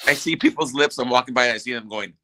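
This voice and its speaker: This man talks fast in a mid-range, sharp voice, appearing as a guest on a live stream. He rambles through jokey stories, constantly interrupting himself mid-thought. The low-quality audio carries a little hiss or hum.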